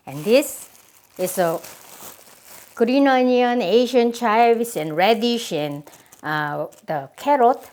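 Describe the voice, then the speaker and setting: A woman's voice: fairly high pitch, darkish tone. A middle-aged woman from Korea with a Korean accent, chatting enthusiastically as she demonstrates a recipe in her home kitchen. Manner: chatty, enthusiastic, simple phrasing. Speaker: cooking show host. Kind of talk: cooking demonstration.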